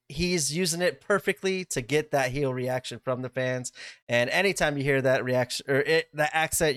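Casting note: male podcast co-host, smooth clear voice, dry close sound, rambling casual delivery. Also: mid-range voice, a bit bright, no room sound. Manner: rambling, many fillers and restarts. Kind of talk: casual chat.

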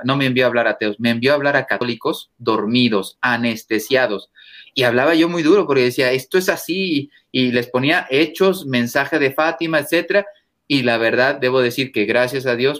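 Emphatic priest speaking forcefully. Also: male voice, fairly quick. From Mexico. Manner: emphatic, forceful, rises in pitch when stressing points. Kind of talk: interview guest, impassioned preaching talk.

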